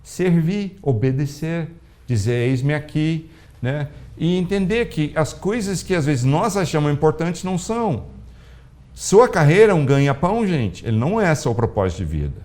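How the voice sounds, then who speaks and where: A man preaching a sermon as a pastor, telling a story with animated, acted-out dialogue. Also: normal speed. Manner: animated storytelling, acting out dialogue with big pitch swings.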